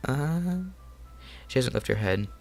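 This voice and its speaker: A man's voice: on the low side, fairly even intonation, fairly quick, faint music behind. A young man reading a visual novel aloud in a casual playthrough, cracking jokes and laughing often as he reads. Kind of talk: casual game playthrough narration.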